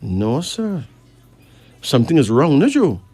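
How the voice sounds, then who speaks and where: A man's voice: medium pitch, wildly swooping pitch, measured pace, warm tone, husky, soft background music. A man from Barbados, chatting and reading cards, emphatic with rising questions. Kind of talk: casual chat and card reading.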